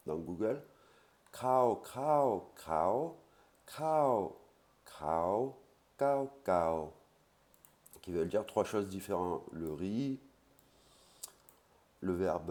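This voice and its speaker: Low-voiced man teaching a language lesson. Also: a little mellow. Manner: spells out Thai words slowly, then explains them; casual, with fillers like "hein" and "voilà".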